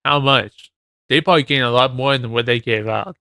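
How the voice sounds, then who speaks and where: A man's voice: medium pitch, brisk, sharp tone, smooth. A man giving casual, off-the-cuff reaction commentary as a host, blunt and skeptical, often repeating himself for emphasis.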